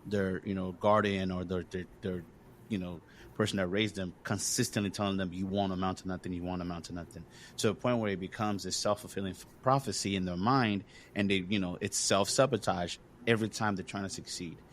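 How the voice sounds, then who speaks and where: Talking a little fast in a low voice with fairly even intonation, this podcast host from Congo chats casually, earnestly and encouragingly, and he uses lots of fillers. Slight background noise is present.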